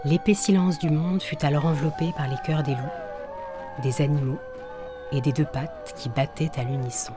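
A woman narrating a children's story in a gentle, measured way. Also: low voice, steady tone, over music.

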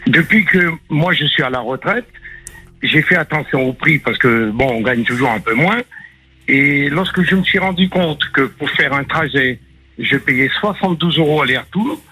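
Male radio caller, 60s, from Sicily, fairly high husky voice, measured explanatory delivery. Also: expressive, sharp tone, soft background music, rough recording. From Sicily, moved to France at ten. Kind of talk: explaining a complaint in conversation.

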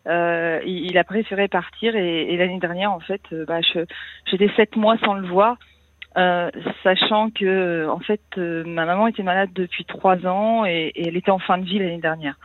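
A woman's voice: on the low side, steady tone, no room sound. Woman caller on a tinny phone line. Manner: hesitant, halting, many restarts. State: emotional. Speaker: radio show caller.

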